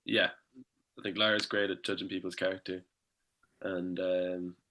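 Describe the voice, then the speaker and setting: A man's voice: deep voice, little pitch movement, moderate pace, sharp tone, slight background noise. A man chatting casually in an interview as a band member, searching for his words.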